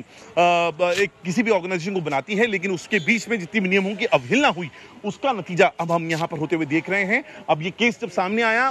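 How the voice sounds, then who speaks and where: A man's voice: high voice, a bit bright. A man in his forties reporting live outdoors for a news channel, speaking into a handheld mic, with frequent hesitations and restarts. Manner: hesitant, many fillers and restarts. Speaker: field reporter. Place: outdoors beside a demolition site.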